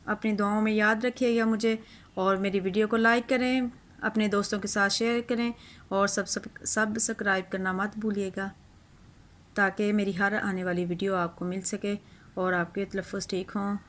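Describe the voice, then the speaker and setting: A woman teaching a Quran reading lesson, telling a moral story and then drilling syllables slowly and with deliberate stress. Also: mid-range voice, little pitch movement, fairly bright tone, a little hiss or hum. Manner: slow, drawn-out syllable drilling. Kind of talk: religious lesson with spelled-out recitation drill.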